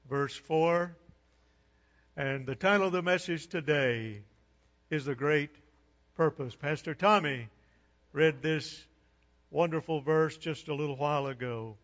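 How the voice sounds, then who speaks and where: A man's voice: on the high side, measured pace, fairly bright tone. A man preaching a sermon in a church, telling a story and building to fervent preaching. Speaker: pastor. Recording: muffled hall reverb.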